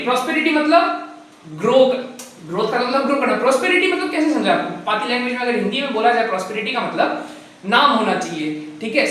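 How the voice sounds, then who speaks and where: Fast-talking male tutor, very echoey room. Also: very high voice, fairly bright tone. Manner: fast-talking, says so himself; mixes Hindi with English, slows down to read English definitions. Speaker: teacher. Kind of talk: recorded lecture explaining from handwritten notes. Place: room with board, writing notes. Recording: very echoey room, voice far from the mic.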